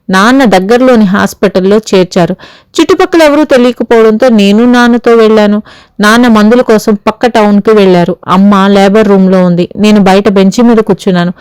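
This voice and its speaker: In this audio storybook, a haunted young husband speaks in an earnest, confessional way, as a woman reads him. The voice stays smooth and clear, set close and dry, with no room around it. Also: mid-range voice, darkish tone, no echo, lightly acted, poor audio.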